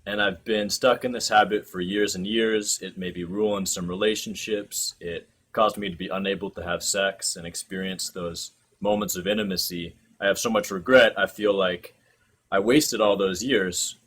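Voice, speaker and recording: A man hosting an interview, asking thoughtful questions and encouraging his guest in a calm way. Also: deep voice, normal speed, slight background noise. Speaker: host.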